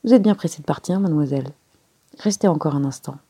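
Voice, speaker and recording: A woman reading aloud and voicing an elderly male detective who is courteous, self-satisfied and measured in his speech. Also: a little high, slightly rough. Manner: polite, measured, softly spoken. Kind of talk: audiobook character reading.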